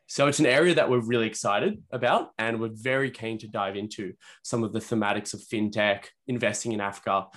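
A man's voice: lowish voice, a bit bright. A man co-hosting a podcast, introducing and explaining a guest's company with frequent "um" fillers. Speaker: podcast co-host. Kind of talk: podcast intro and casual chat.

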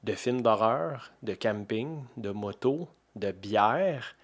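A man's voice: fairly low pitch, animated, slow pace. A man in his forties with a Québécois accent, hosting a podcast in a loose, chatty way full of fillers and restarts. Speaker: podcast host. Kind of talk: casual podcast chat.

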